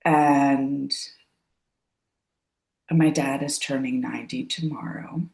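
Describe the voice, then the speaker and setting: A middle-aged woman sharing in a casual group check-in, soft and halting, sometimes dropping almost to a whisper. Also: a bass voice, steady tone, vocal fry, echoey room.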